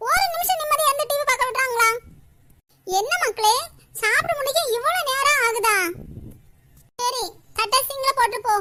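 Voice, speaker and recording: A woman's voice: very high voice, moderate pace, pauses often, pushed and bright. A woman voicing a short-tempered grandmother in a homemade comic cartoon, nagging about chores. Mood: scolding.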